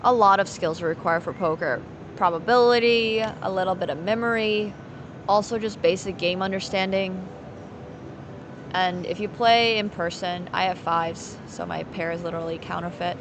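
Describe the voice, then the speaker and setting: A Finnish woman live streams a casual poker session, chatting with viewers and answering their questions while thinking aloud in rambling fragments. Her voice is fairly low and her pace moderate, with noise in the background.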